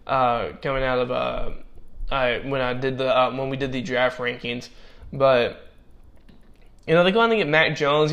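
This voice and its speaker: A young man offers casual spoken commentary on the football draft into a personal microphone, full of fillers and restarts. His mid-range voice has a fairly bright tone, but he's losing his voice and it's audibly giving out.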